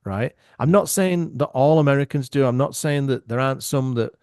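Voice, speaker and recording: Animated man telling stories on a podcast. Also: mid-range voice, normal speed, smooth, no room sound, clean studio sound. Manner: animated, acts out other people's voices. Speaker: podcast guest. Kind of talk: casual storytelling chat.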